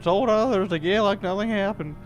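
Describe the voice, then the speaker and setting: A man's voice: high-pitched, brisk, soft background music, voice pushed up, close to an everyday voice. A man voicing a folksy older Southern woman drifter in a put-on Southern accent, rambling and stumbling over his words.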